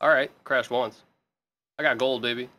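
A man in casual, profane, excitable banter while playing a racing game with a friend. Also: medium pitch, normal speed. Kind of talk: casual let's-play chat. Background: loud game music and car engines.

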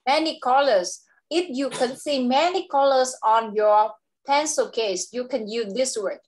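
A woman with a Vietnamese accent teaching English words to a child one-on-one, drilling each word patiently and switching to quicker speech to explain. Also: sits high. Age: adult.

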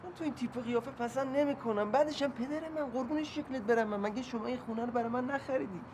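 A young actor playing a landlord's earnest, pleading son in a TV drama. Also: male voice, very high-pitched, darkish tone. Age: young adult. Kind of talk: TV drama acting. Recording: noisy background.

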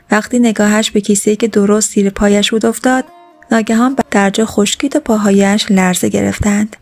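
A woman storyteller reading a folk tale in steady, measured scripted narration. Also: medium pitch, vocal fry. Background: faint background music.

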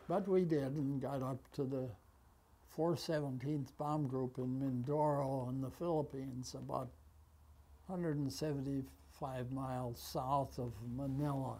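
Very slow, elderly American man. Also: medium pitch, fairly even intonation, mellow. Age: 90s. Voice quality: aged voice. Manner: halting, with long pauses. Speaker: war veteran being interviewed. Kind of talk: conversational reminiscence. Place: small office, indoors. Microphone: lapel mic.

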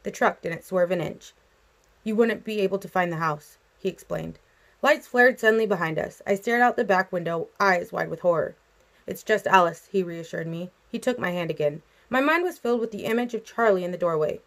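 A woman reading a novel aloud in a steady, even narration, her voice dropping for the speech tags. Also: fairly low pitch, a little fast. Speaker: audiobook reader.

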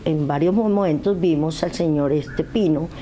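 A woman's voice: low-pitched, unhurried, warm tone, slight background noise. An older woman giving interview testimony indoors, speaking hesitantly with many fillers and restarts. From Colombia and Venezuela. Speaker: interviewee, aid volunteer. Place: living room indoors.

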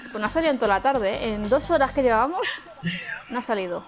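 Excitable high-voiced woman gaming. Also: quick pace, faint music behind. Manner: excitable, cheering and groaning at the game. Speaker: gamer streamer. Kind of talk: casual gameplay chat with friend.

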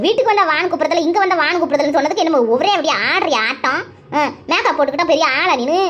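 A woman voicing a sharp-tongued village woman. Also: very high voice, dull audio. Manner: scolding, rapid-fire taunts. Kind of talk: cartoon voice acting.

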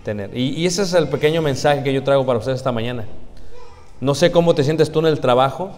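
A man preaching a sermon to a congregation, often pausing on rhetorical questions he answers himself. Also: medium pitch, darkish tone. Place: church congregation. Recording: long church hall reverb.

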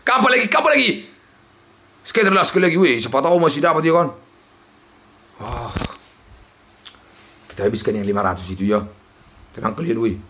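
A young man, giving loud, excited commentary on a slot game as he plays, swinging between yells and mutters. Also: medium pitch, fairly quick, long pauses. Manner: loud, shouting and exclaiming, jumpy swings between yelling and muttering.

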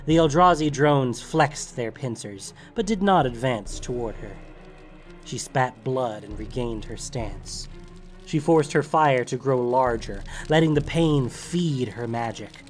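A man narrates a fantasy tale in a mid-pitched voice, with faint music underneath. His storytelling is dramatic but steady. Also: slow.

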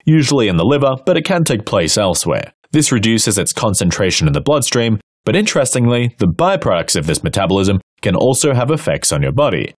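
A man's voice: on the low side, very animated, a little fast, few pauses, no room sound, studio quality. A man narrating a scripted educational explainer with playful, wry asides. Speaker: host and narrator.

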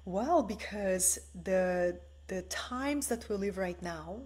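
Speaking into a webcam from her bright living room, a spiritual teacher in her forties, originally from the former Soviet Union, gives a live-streamed talk. Her mid-range voice is expressive yet slow, soft and meditative, and she frequently adds "right?"

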